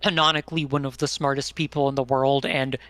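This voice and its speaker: A man's voice: mid-range voice, little pitch movement, fast, a bit bright, no echo. A man in casual chat, explaining eagerly with many filler words. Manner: enthusiastic explaining, filler-heavy.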